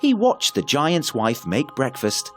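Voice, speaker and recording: A man narrating a fairy tale in an expressive, unhurried storybook reading. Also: medium pitch, faint music behind.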